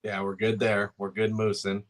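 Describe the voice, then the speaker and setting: A man co-hosting a casual talk show, joking with quick quips. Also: fairly low pitch, monotone. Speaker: co-host. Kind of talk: casual chat.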